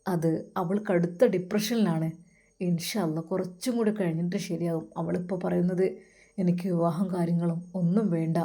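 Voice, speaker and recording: A woman voicing a calm older man who gently and patiently advises over the phone. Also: lowish voice. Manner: calm, measured, gently persuasive. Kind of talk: storytelling with acted dialogue.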